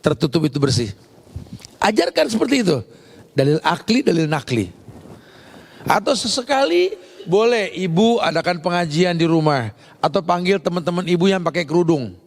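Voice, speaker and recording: High-pitched man preaching in a reverberant hall. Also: normal speed, gravelly, pauses often. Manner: lively, emphatic, addresses the audience directly with repeated "nak" and "Pak". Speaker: Islamic preacher. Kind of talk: sermon.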